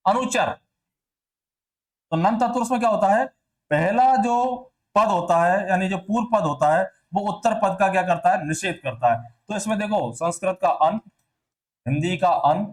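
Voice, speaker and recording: A male teacher going through test answers, asking questions and answering them himself, and repeating sounds to show how they are said. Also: high-pitched. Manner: repeats sounds and words to demonstrate pronunciation. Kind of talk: exam answer walkthrough lesson.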